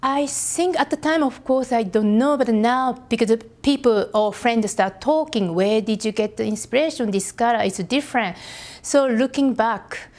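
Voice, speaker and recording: Speaking English as a second language, a middle-aged Japanese artist with a Japanese accent is the guest on a podcast interview. Her voice is a little high with a darkish tone, and she speaks haltingly, frequently stopping to find words.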